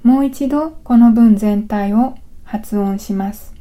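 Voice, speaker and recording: A woman giving a scripted language lesson, patient and careful, pausing for drills. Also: medium pitch, mellow. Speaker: language teacher.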